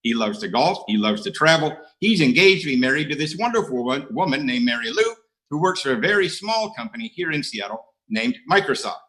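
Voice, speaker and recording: Sharing his recovery at an AA meeting held as an online conference, a middle-aged man from the United States mixes dry, self-deprecating humor with frequent hesitations. He speaks briskly and very animatedly in a medium-pitched, fairly bright voice, on a low-quality recording.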